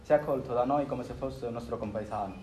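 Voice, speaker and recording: Young man student, earnest steady reading, brisk pace, roomy sound. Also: medium pitch. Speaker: student interviewee. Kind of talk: reading a prepared school answer. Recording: roomy with faint background noise.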